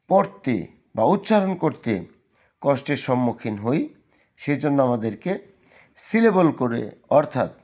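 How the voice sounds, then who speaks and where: A man with a Bengali accent teaching an English lesson to students, reading example words slowly and drawing them out. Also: medium pitch, darkish tone. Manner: slow, drawn-out word-by-word reading of English examples. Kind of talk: classroom lesson explanation.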